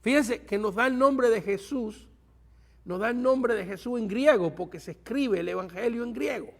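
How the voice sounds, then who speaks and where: A man teaches a Bible seminary class in a high voice with a gravelly, creaky edge. He keeps asking his listeners questions and then answers them himself. He often pauses mid-sentence while he looks for the best way to say something. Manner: pauses to search for words; asks the class rhetorical questions. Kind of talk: Bible study lecture.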